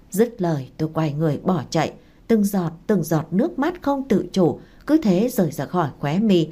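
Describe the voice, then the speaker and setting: A woman reading a romance story aloud in a steady first-person narration. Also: fairly low pitch.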